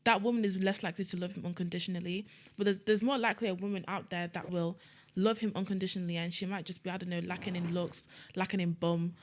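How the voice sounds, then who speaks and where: A woman's voice: fairly low pitch, fairly even intonation, quick pace. Blunt young British woman co-host. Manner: blunt, teasing, restarts a lot. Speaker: podcast co-host. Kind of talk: casual group chat.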